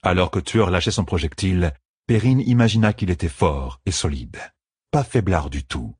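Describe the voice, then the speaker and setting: Here a man narrates an audiobook, a scripted fantasy story, in a deep, husky voice. The reading moves at a measured, unhurried rhythm. You hear no room around him; the sound is intimate and dry.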